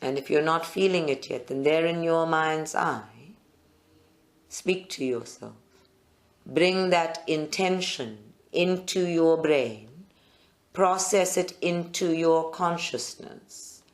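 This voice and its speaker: Speaking at a medium pitch, a meditation guide leads a live group session using short, deliberate phrases separated by pauses.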